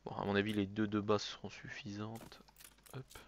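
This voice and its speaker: A man's voice: on the low side, completely flat delivery, normal speed. A man streaming a strategy game, muttering calculations to himself between jokey asides. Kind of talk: casual let's-play commentary.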